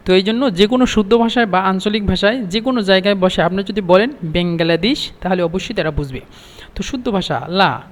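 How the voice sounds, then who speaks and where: A man from Bangladesh teaching a spoken language lesson, explaining slowly and repeating each phrase. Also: high-pitched, big-room sound.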